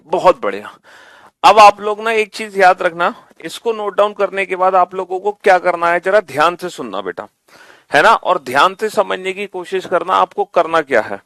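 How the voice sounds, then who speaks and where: A man's voice: sits high, a bit bright, dry recording. A man teaching an online reasoning class, coaxing students with repeated instructions and calling them beta.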